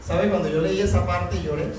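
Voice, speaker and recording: A man with a high voice preaches an impassioned sermon, pressing his congregation with questions. The sound booms around a very echoey church hall, and he is picked up from well back from the mic. A faint hiss sits underneath. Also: fairly even intonation, moderate pace, darkish tone, distant mic. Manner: impassioned, keeps asking the congregation if they are listening. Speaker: pastor.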